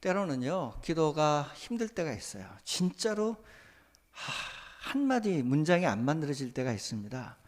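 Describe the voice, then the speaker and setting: A male pastor preaching a sermon, moving from calm teaching into loud, impassioned spoken prayers. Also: on the high side, moderate pace. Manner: rises to loud impassioned voiced prayers, then drops back to calm teaching.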